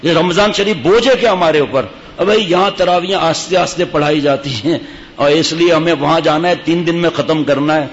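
A middle-aged man preaching a Friday sermon as imam, scolding the congregation with rhetorical questions. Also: fairly high pitch. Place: mosque. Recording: dull lo-fi sound with faint hiss.

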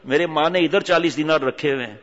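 A man's voice: a little high, a bit bright, natural voice. Story figure: a small, truthful, devout boy, earnest and plain, voiced by a male preacher; echoey, lo-fi. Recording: reverberant hall, dull lo-fi sound.

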